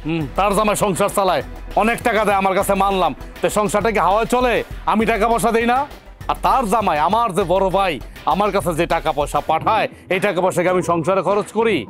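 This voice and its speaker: Playing an indignant young husband, this actor scolds his sister-in-law in a colloquial Bangladeshi Bengali accent. His voice is high, fast and a bit bright, over faint background music.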